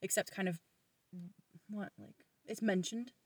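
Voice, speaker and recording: A woman co-hosting a casual podcast, talking in a chatty, expressive, teasing way. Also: mid-range voice, a little slow, distant mic, over a noisy crowd. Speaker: podcast co-host. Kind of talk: casual chat.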